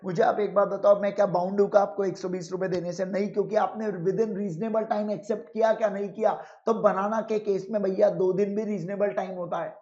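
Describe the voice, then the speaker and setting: A man teaching law in an online exam-prep lecture, calling students "my children", asking check questions, and reading rules slowly. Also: sits high, level tone, dark tone. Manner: reads legal rules slowly and with emphasis. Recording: dull lo-fi sound.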